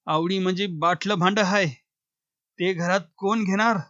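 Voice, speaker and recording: A man's voice: high voice, steady tone, unhurried, fairly bright tone, no echo, lo-fi sound. A man voicing a cruel, menacing male relative in a storybook reading, speaking in a harsh, threatening way.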